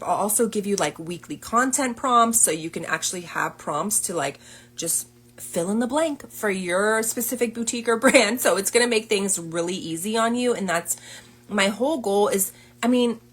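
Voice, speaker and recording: A woman's voice: fairly low pitch, fairly bright tone. A woman business coach chatting casually on a livestream, upbeat and full of fillers.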